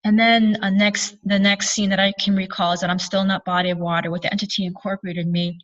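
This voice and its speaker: A woman's voice: medium pitch, little pitch movement, fast. A woman recounting a spiritual experience in an earnest, meandering way, often correcting herself. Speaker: spiritual channeler and speaker. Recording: distant, dull lo-fi sound.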